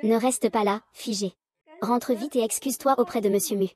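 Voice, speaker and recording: A woman's voice: a little high, moderate pace, a little mellow, breathy edge. A woman reading the dialogue of a dubbed drama, voicing every part in the same unchanging voice. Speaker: voice-over reader of a drama recap.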